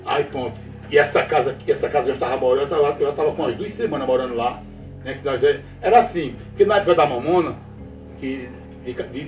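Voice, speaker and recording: A man's voice: a little high, darkish tone, lo-fi sound. A man with a Northeastern Brazilian accent telling a ghost story to a listener, repeating phrases and often checking that the listener is following. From Brazilian Northeast backlands. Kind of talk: spoken folk tale told to a listener. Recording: roomy sound from a distant mic with faint music.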